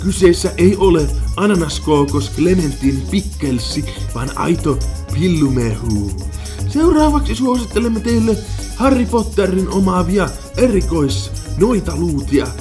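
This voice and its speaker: A voice reading a spoof radio advert in a sing-song, drawn-out way. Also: medium pitch. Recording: voice over loud background music.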